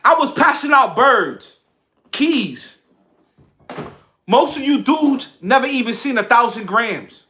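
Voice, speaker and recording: Very high-pitched and sing-song, this man's voice is slow, pushed and bright, with frequent pauses. A content creator on a livestream, he delivers a boastful, impassioned monologue, emphatic and repeating phrases for effect.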